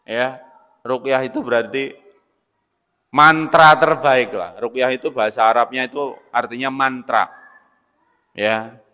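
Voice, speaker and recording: A man preaching an Islamic sermon, swinging between loud emphatic bursts and quiet asides, often addressing listeners as "Pak". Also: mid-range voice, unhurried, long pauses, clean tone. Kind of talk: lecture-style religious sermon. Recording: long reverb of a large hall.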